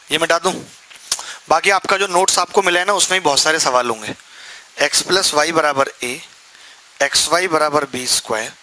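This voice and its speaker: Bright-voiced young man teaching maths. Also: on the high side, low-quality recording. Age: young adult. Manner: asks students questions and answers them himself; jokey, chatty asides to students. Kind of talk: classroom lecture. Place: classroom with students.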